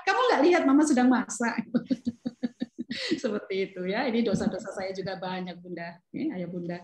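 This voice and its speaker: Lively high-voiced woman lecturing in an echoey hall. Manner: animated, acts out parent and child lines. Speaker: parenting seminar speaker. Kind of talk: parenting lecture with audience interaction.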